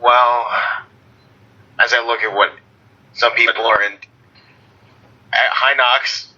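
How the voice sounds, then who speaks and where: A man speaking as a guest on an online radio call, talking in a slow, drawling stoner voice. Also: mid-range voice, steady tone, bright, forceful tone. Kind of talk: casual online radio chat. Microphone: video call. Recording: lo-fi call audio.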